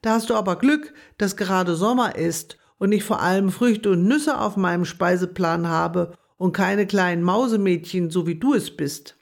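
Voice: medium pitch, normal speed, gravelly, few pauses, lightly acted. A storyteller voicing a friendly, sleepy male raccoon who talks in an easygoing, cheerful way.

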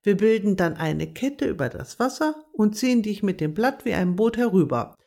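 A clever little dormouse girl with a bright, raised voice, as a storyteller puts her on. She sounds eager and quick-witted. This is a storybook reading. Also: mid-range voice, expressive, gravelly, pitched above the performer's own voice.

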